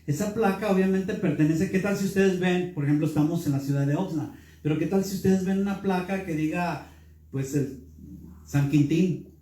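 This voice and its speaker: A man's voice: high voice, moderate pace, dark tone. A male pastor gives a Bible class sermon and keeps asking the room questions. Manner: teaching, asks the room questions. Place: church hall. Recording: echoey hall, speaker far from mic.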